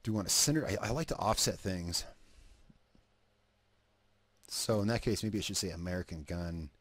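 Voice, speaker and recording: A man's voice: low voice, normal speed, a bit bright, no echo. A man talking through a video edit as he works, thinking aloud, trailing off and restarting, swearing casually, a cigarette in his mouth. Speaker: video creator narrating an editing session. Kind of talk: casual screen-recording commentary.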